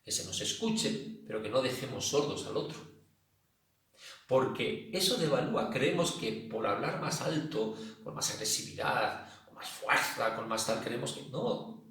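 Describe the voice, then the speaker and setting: A man's voice: mid-range voice, lively intonation, unhurried. A man with an accent from Spain, a senior exercise instructor, talking casually to his class and often repeating himself. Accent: Spanish from Spain. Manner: chatty, repeats himself, acts out loud shouting. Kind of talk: casual spoken talk to an online class. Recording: very echoey room, voice a bit far from the mic.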